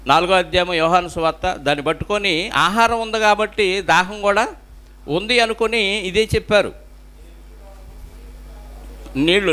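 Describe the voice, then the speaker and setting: Male pastor with a Telugu accent, higher voice, preaching and asking the congregation questions. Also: pushed and bright. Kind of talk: sermon.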